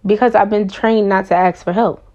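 A woman's voice: medium pitch, fairly even intonation, fairly quick, a little mellow, muffled recording. A young woman talking in a candid personal monologue, impassioned and blunt, swearing freely as she vents.

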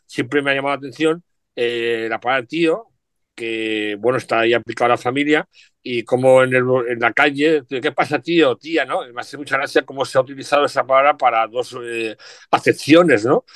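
A man's voice: mid-range voice, fairly quick, fairly bright tone, no room sound. Middle-aged guy musing on family words, lots of "¿no?" asides, dry close mic. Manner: reflective, fond of words, many asides. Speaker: guest. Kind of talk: casual chat.

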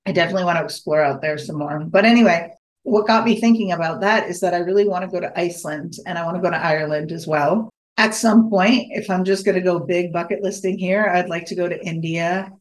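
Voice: medium pitch, fast talker. Enthusiastic podcast host rambling. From United States. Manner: enthusiastic, rambling, self-correcting. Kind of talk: casual solo podcast monologue.

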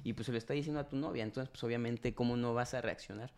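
A man's voice: mid-range voice, quick pace, clean tone. A young adult man with a Mexican accent, a podcast guest telling a story in casual, slangy talk. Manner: animated storyteller, slangy, acts out quoted voices.

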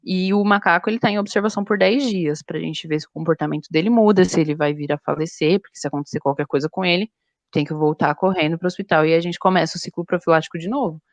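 A young woman, a zookeeper, chatting casually and telling stories in an animated way. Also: fairly low pitch, quick pace, dry recording. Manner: animated storytelling. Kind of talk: casual chat.

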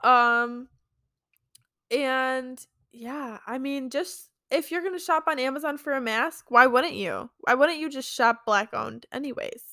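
A woman's voice: high voice, measured pace, pushed and bright, dry recording, studio quality. A young woman hosting her own podcast, talking casually and earnestly, with lots of fillers. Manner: earnest, chatty, many fillers. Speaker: podcast host. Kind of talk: casual solo podcast talk.

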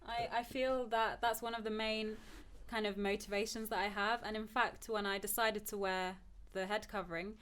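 A reflective young Turkish woman who moved to England at ten speaks as a PhD student guest on a podcast, in a conversational, personal discussion. Her medium-pitched, slightly bright voice barely moves in pitch, and she talks at a normal speed with hardly any pauses.

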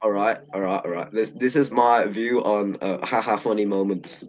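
A man's voice: fairly low pitch, fairly even intonation, moderate pace. Profane joking man, dull lo-fi sound. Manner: crude, joking, heavy swearing. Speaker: podcast co-host. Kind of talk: casual chat. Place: at home.

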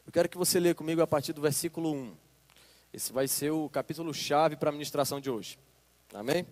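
A man with a Brazilian Portuguese accent preaching a sermon, reading scripture slowly and with emphasis and checking in with the congregation. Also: fairly high pitch, a little mellow. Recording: long hall reverb.

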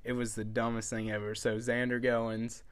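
A young man hosting a podcast with friends, telling high school stories in casual chat, animated and laughing, with frequent swearing. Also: moderate pace, clear, resonant tone, no room sound. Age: young adult. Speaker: podcast host.

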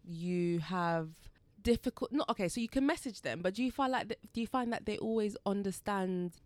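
A woman's voice: medium pitch, brisk, a little mellow, no room sound. A young woman from Jamaica, co-hosting a casual chat podcast, curious and full of questions. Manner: curious, asks questions, laughs often. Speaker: podcast co-host.

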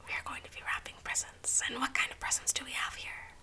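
A woman's voice: quick pace, pushed and bright. A young woman hosting a vlog, whispering playful banter in an ASMR roleplay with friends. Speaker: vlog host.

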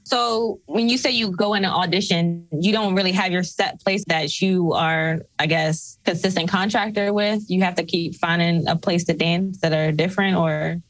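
A woman's voice: on the low side, steady tone, moderate pace, hardly any pauses, no room sound, rough recording. A woman interviewer asking casual questions, often rephrasing as she goes.

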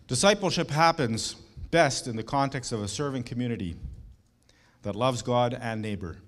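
A middle-aged pastor preaches with earnest, emphatic conviction, relying on rhetorical questions and turning to the congregation with warm personal asides. His voice sits at an ordinary middle pitch for a man, with lively intonation and normal speed.

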